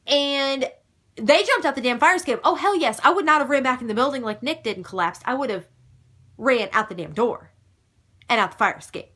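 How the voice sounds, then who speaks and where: A woman's voice: high-pitched, expressive, fairly quick, pushed and bright, breathy edge. A young woman answering viewer questions in a casual, chatty video, emphatic and gushing, with mild swearing. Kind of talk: casual chat.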